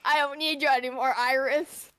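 A young woman chatting casually while playing an online game with a friend, excitable and loud when in trouble. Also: sits high, normal speed, no room sound. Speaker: game streamer. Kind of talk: casual gameplay chat. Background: game music.

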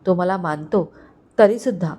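A woman's voice: lowish voice, normal speed, warm tone, close to an everyday voice. A woman voicing a kindly older male family servant who speaks tenderly and pleads with a fatherly tone. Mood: gentle.

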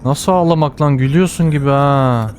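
A man with a Turkish accent giving excited running commentary while playing a game, often repeating words and exclaiming. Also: mid-range voice, brisk, slight background noise. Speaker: gamer.

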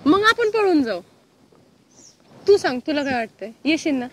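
A woman's voice: high-pitched, big pitch swings, moderate pace, very noisy. A woman playing a young woman in love who insists on marrying soon. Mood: eager. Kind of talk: comedy sketch acting.

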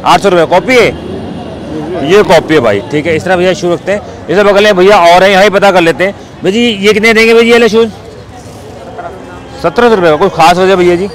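A man's voice: high-pitched, brisk, poor audio. A man vlogging on foot through an outdoor street market, upbeat and chatty, asking sellers about prices. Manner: upbeat, repeats "bhai" and "theek hai". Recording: outdoor crowd noise behind. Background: crowd chatter and traffic.

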